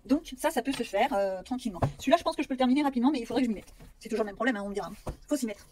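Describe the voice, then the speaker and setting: A woman's voice: fairly high pitch, animated, racing, background noise. A woman vlogger chatting casually about her coloring books, self-mocking and rambling with fillers.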